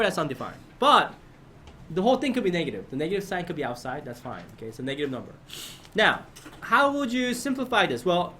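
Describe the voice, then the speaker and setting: A man's voice: sits high, a bit bright, a little hiss or hum. A man teaching a math lesson to his class, often prompting students with questions and checking that they follow.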